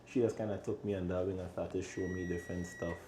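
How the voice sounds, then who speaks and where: A man's voice: deep voice, little pitch movement, fast, echoey room, slight background noise. A man in his thirties from Trinidad and Tobago with a thick Trinidadian accent, an easygoing chef chatting casually in an interview and laughing often. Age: 30s. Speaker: chef and restaurant owner.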